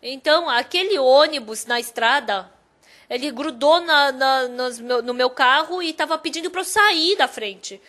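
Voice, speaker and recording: A woman preaching a sermon as a personal story, going from hushed to emphatic. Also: high-pitched, unhurried. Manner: animated storytelling, loudness swinging from hushed to emphatic.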